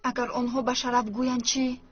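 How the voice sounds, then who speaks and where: A woman's voice: on the high side, little pitch movement, lightly acted. An actress dubbing a stern, bossy woman who orders children about and pushes a plan. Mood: coaxing. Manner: bossy, commanding. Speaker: stern stepmother figure. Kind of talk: dubbed TV drama. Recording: lo-fi with music underneath.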